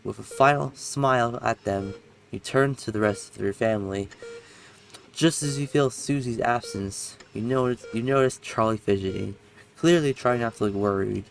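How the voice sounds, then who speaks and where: A young man reads a story game aloud with a gravelly, creaky voice. He keeps breaking off into rambling asides and corrects himself mid-sentence. Faint music plays behind him. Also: medium pitch, normal speed. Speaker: game streamer. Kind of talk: reading game text aloud with casual commentary.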